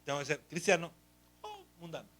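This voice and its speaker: High-voiced preacher in an echoey church. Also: male voice, brisk. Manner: lively, joking, asks rhetorical questions. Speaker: pastor. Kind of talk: sermon. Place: church hall. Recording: echoey room, mic at a distance.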